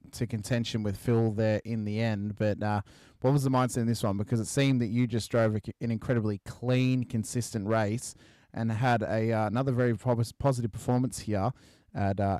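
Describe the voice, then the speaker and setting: A man's voice: medium pitch, mellow, dry recording. An Australian man interviewing racers as a commentator, chatty and matey, generous with congratulations. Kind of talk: post-race interview.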